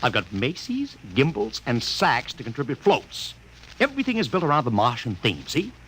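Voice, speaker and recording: A man's voice: medium pitch, huge pitch swings, normal speed, a bit bright. An actor playing a brash, slangy American publicity man in a mid-century radio drama, full of breezy salesman patter. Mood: smug, expansive. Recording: noisy old radio broadcast recording.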